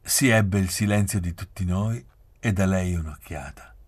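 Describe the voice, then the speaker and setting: A man reading a novel aloud in a measured, restrained way, often sinking to a near-whisper. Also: sits low, slightly rough, no echo. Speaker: audiobook reader. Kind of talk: literary audiobook narration.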